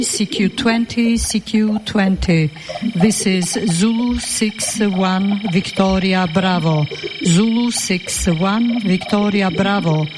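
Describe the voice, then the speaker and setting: Woman calling cq super slow over fading shortwave, heavy static, echoey tail. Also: mid-range voice. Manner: slow, repetitive call-sign calling. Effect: fading shortwave radio reception. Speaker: amateur radio operator. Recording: loud static, long reverb over shortwave.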